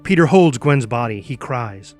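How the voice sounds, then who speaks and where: Reading stage directions aloud at a table read, this man keeps to present tense with a punchy, clipped, dramatic style, exclaiming the sound words. Music plays under his expressive mid-range voice, which moves at a moderate pace.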